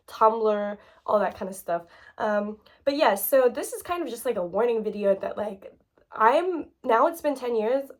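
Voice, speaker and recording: A woman in her late twenties talking candidly to her viewers in a casual vlog, chatty and full of fillers, close to tears at times. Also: mid-range voice. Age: 20s. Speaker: YouTuber.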